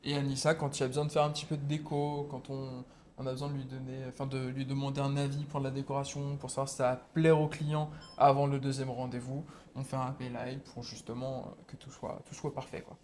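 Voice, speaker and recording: A man describes his job as a kitchen seller in a showroom, his voice at a middle pitch with faint noise behind. He speaks plainly and practically, pausing with fillers now and then. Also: flat delivery, darkish tone. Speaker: kitchen salesperson. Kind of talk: casual answers to young visitors.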